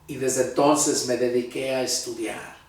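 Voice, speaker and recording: A man's voice: mid-range voice, fairly even intonation, a little slow. An older man from Mexico with a Mexican Spanish accent, a pastor telling his personal testimony in an earnest, heartfelt way. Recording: very echoey room, voice far from mic.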